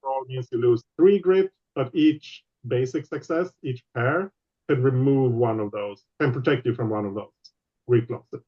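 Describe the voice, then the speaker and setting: A man running a tabletop game online as game master, explaining rules patiently with many pauses. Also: mid-range voice, highs cut off.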